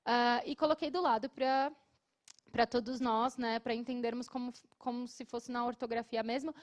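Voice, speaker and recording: A Brazilian woman teaching an English class, explaining patiently and modeling words slowly. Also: on the high side, fairly even intonation.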